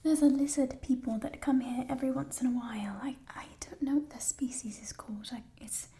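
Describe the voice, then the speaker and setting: A woman in a whispered role-play as a playful, chatty thief, musing hesitantly in a burglar's hushed whisper over stolen treasure. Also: high voice, brisk. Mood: curious, sly. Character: playful, chatty female thief showing off stolen coins in a fantasy world.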